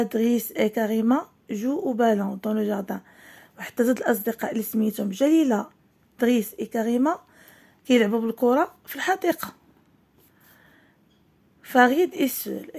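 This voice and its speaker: A woman teacher with a Moroccan accent giving a reading lesson, reading slowly and clearly, then explaining quickly. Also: a little high, darkish tone. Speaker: primary school French teacher.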